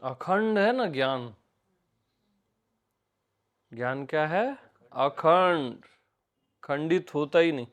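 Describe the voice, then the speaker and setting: An Indian man leads a relaxed satsang, speaking slowly and unhurriedly. His voice sits a little high for a man. He keeps returning to the same words and puts questions to the people in front of him. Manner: repetitive, questioning, conversational teaching. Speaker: spiritual teacher. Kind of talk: informal satsang discourse.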